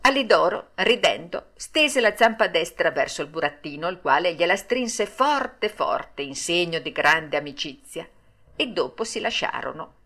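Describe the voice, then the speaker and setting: A woman narrating a classic children's tale as an audiobook, in an expressive storytelling manner. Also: lowish voice, measured pace.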